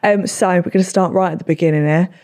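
A woman's voice: fairly low pitch, fairly even intonation, quick pace, a little mellow. Cheeky woman podcast host, chatting casually. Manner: jokey, cheeky, sweary. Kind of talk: casual chat, playful interview.

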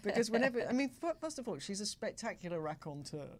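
A woman's voice: mid-range voice, quick pace. A middle-aged English woman, a singer-songwriter guest, chatting in an interview and acting out the voices of people she quotes. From England. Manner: animated storyteller, acts out quoted voices. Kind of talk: casual interview chat.

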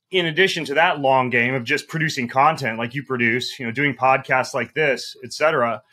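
A man's voice: medium pitch, bright, forceful tone. A man hosting a podcast, speaking thoughtfully in casual chat and hedging his points. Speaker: podcast host.

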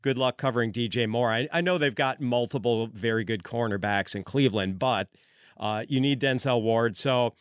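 A man's voice: medium pitch, normal speed, clean tone, no room sound, studio quality. A man analyzing fantasy football on a podcast, talking casually and reflectively with frequent small fillers. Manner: thoughtful, lots of fillers like uh and um. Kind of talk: casual sports chat.

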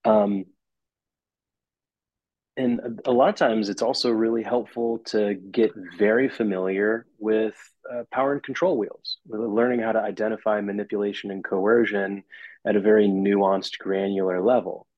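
Therapist guy on a podcast, lowish voice, kinda muffled dry audio, calm and explaining. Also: no echo. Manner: measured, explanatory, with fillers. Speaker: therapist guest. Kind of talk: interview answers.

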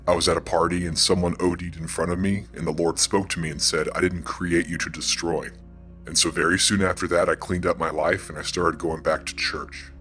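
A man's voice: low voice, fairly bright tone. A pastor telling his story in an interview in plain, earnest words, his voice electronically altered to disguise who he is. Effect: voice electronically altered to disguise identity. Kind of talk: interview testimony.

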